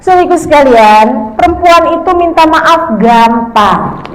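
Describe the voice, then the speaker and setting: A woman in her forties from Indonesia, an Islamic preacher giving a sermon to women, telling stories in a lively way and acting out what a husband and a wife say. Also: high-pitched, a little slow, rough recording. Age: 40s. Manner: lively storytelling, acts out voices of husband and wife.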